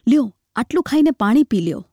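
A woman reading a story aloud, voicing a poor village wife who speaks softly, pleading and tender with her husband. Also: on the high side, animated, a little fast, slightly rough, no echo, clean studio sound.

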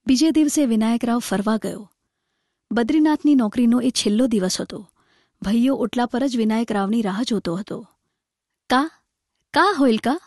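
A woman narrating a story aloud in a measured, expressive reading. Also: fairly high pitch, gravelly, no room sound, clean studio sound.

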